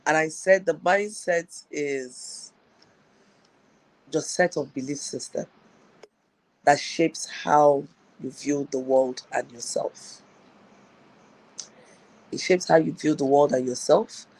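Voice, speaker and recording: A woman's voice: low voice, slow pace, pauses often, a little mellow, low-quality recording. A woman coach hosting a live-streamed talk show, addressing viewers directly and repeating her key phrases. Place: live online broadcast on a slow connection.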